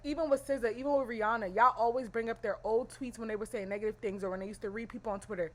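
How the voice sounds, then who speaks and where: A twenty-two-year-old woman talks straight to camera in a blunt, profane rant. Her voice has a bright, sharp edge to it. The room around her is noticeably echoey. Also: a little high. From Mount Vernon, New York. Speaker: vlogger. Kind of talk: casual talking-head rant.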